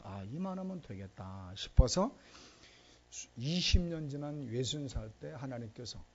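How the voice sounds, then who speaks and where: A man's voice: on the high side, creaky, pushed and bright, husky, lo-fi sound. An older man preaching a sermon as a pastor, acting out prayers and asking the congregation questions.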